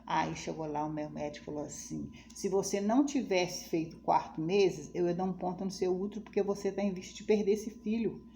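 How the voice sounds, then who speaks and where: A middle-aged woman recounts her own hard life story in a personal testimony. Her voice is mellow and dark, turning pleading when she speaks of faith, and she acts out the words of the people in her tale. Faint background noise sits under the recording. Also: fairly low pitch, a little fast, creaky, hardly any pauses. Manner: emotional, quotes others' speech, pleading religious tone.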